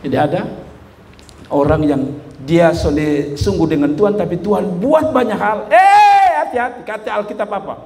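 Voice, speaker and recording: A man preaching a lively sermon, telling humorous stories and shouting at his peaks. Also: sits high, normal speed. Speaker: pastor. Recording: echoey hall with faint room noise.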